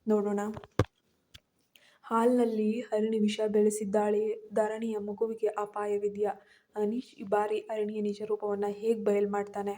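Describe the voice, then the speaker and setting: Woman storyteller, scripted narration, steady reading, mellow, flat pitch. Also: normal speed.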